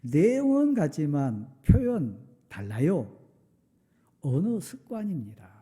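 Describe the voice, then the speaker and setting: A middle-aged male pastor preaching a sermon, firing off rhetorical questions and sometimes dropping to a soft confessional tone. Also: fairly high pitch, sing-song, slow pace, breathy edge. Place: church sanctuary.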